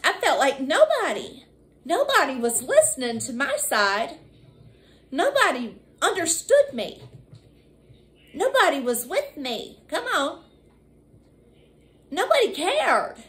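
A woman preaching a fervent sermon, crying out hallelujah and woo, calling listeners y'all and drawing scripture lines out slowly. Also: sits high, a bit bright. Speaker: evangelist preacher.

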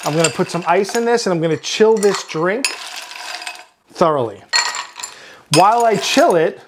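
Long island guy chef showing a drink recipe, easygoing, keeps saying right?, voice on the high side. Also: moderate pace, noisy background. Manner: relaxed, ends points with "right?". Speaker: chef and host. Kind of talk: cooking demonstration.

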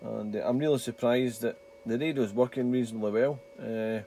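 At a small indoor radio desk, a man with a warm, steady, medium-pitched voice chats casually and a bit hesitantly while demonstrating his hobby radio equipment at a moderate pace. It's unscripted, and the recording is very noisy, full of CB radio static and hiss.

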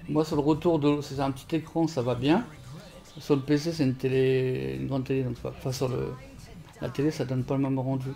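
A man streaming a fighting game from home on a desk mic, swearing and shouting at the game while chatting with viewers. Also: mid-range voice, level tone, a little fast, vocal fry, faint music behind. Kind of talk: live gameplay commentary. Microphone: desk microphone.

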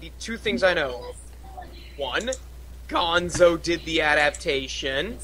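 A man's voice: a little high, lively intonation, slow pace, bright, forceful tone, a little hiss or hum. Rambling young-sounding man ranting. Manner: rambling, ranting, stammers on restarts. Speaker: podcast co-host. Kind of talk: casual chat.

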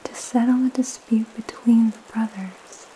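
Young woman doing soothing spa-like asmr whisper, slow n soft, mellow, rain behind her. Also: a little high, a little hiss or hum, low-quality recording. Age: young adult. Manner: slow, calming, gentle, with pauses. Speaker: ASMR host reading scripture and praying. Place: small indoor room at home. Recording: steady rain sound behind the voice.

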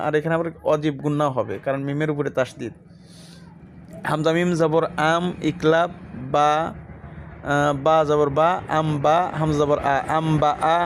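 A man teaches Quran reading in a slow, methodical drill, spelling out each Arabic letter and vowel mark one by one. His voice sits fairly high.

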